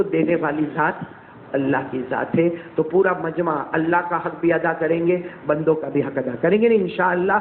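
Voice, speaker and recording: High-pitched preacher in an echoey hall. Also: male voice, a little hiss or hum. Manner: animated storytelling, acting out voices and calling on the crowd to answer. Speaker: Islamic preacher. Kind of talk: sermon to a congregation. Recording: echoey hall over a tinny phone-like line.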